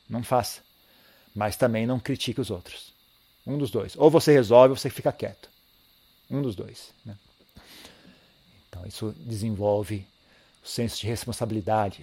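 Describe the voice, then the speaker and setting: A man gives a calm, reflective Buddhist teaching, often pausing to repeat himself and ending phrases with a questioning tag. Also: medium pitch. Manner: calm, reflective, tags sentences with "né?"; repeats and restarts phrases while thinking. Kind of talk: dharma talk.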